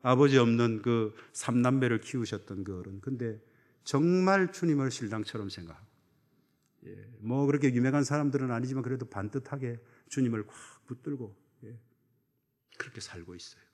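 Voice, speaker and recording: A middle-aged man from Chungcheong preaching a sermon as a pastor, building to loud emphatic peaks and dropping to low, soft asides. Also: a little fast. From Chungcheong, Korea.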